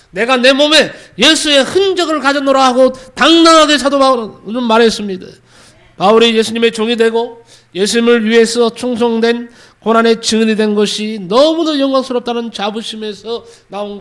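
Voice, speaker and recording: A male pastor preaches with fervor, his voice sitting fairly high. He swings between loud, emphatic declarations and quiet, hushed storytelling. He leads the congregation in repeating phrases after him. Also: brisk. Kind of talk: sermon.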